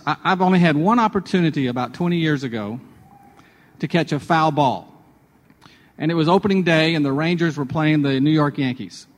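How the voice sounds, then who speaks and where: Radio guy telling a devotional story, kinda high voice, chatty, lots of echo. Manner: chatty, self-deprecating, with restarts. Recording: long hall reverb.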